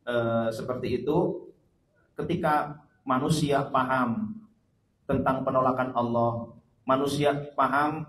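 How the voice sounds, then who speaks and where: A man preaching a sermon to an audience, telling stories with animated voices and asking the crowd questions. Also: mid-range voice. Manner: storytelling with lively put-on voices and questions to the audience. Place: hall with an audience. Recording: echoey hall.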